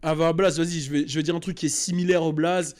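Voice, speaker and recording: A man host telling a personal story in a casual, animated, slangy way, with many restarts and repeats. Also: a little high, very fast.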